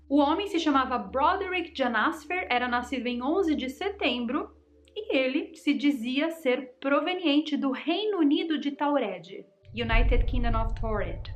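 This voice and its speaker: A young Brazilian woman with a high voice hosts a channel, telling mystery stories to her viewers in a chatty, dramatic way and speaking to them directly. Her Brazilian Portuguese accent is clear, and there's a faint hiss or hum on the recording.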